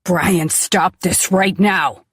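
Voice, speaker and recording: A woman voicing a cornered middle-aged father who yells and refuses, then breaks down. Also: sits low, measured pace, breathy edge, no echo, studio quality, heavily acted. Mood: desperate.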